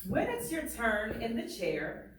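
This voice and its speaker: In an echoey classroom captured by a faraway mic, a woman reads aloud slowly to her pupils, her fairly high voice making huge swings in pitch. She reads emphatically and keeps checking in with the class, and a faint noise runs underneath.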